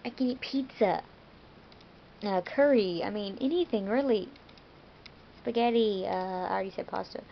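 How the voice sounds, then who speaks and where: An American woman chats to the camera in a loose, rambling vlog, with plenty of "um"s and self-corrections along the way. Her pitch sits in an ordinary middle range. The audio is a bit dull and lo-fi, with a faint hum of room ambience behind her. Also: moderate pace, vocal fry, pauses often. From United States. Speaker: vlogger. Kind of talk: casual vlog monologue.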